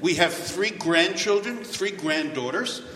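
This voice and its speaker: An older American man preaching with jokes, pausing for an interpreter in a church. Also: sits high, animated, bright, forceful tone. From United States. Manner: joking, pausing for translation. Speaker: visiting preacher. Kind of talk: sermon with live interpreter. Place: large church hall. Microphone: handheld or headset mic, walking about. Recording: echoey church hall, faint ambience.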